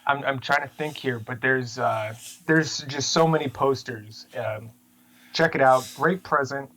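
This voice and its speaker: A male podcast co-host speaking at a middle pitch over a remote connection. His chat is easygoing. He slows down to spell out details plainly. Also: pushed and bright, low-quality recording. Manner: spells out a web address slowly and plainly. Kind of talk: casual sports podcast chat. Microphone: remote podcast mic over the internet.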